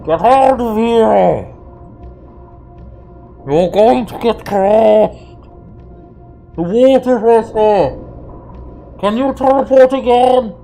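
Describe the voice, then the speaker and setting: A man's voice: drawn-out words, vocal fry, long pauses, soft background music, exaggerated voice. A man voicing an urgent storm-giant king who speaks with a bubbling, gurgling underwater voice. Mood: urgent shouting. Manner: booming shouted warnings. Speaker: game master.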